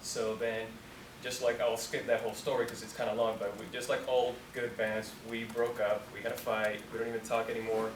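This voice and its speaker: Here a twentysomething Colombian founder addresses students informally in a university room, meandering along and filling his speech with "like." His pitch is medium, his delivery a bit quick with barely any pauses. Sound quality suffers from room echo, a faraway microphone, and background noise.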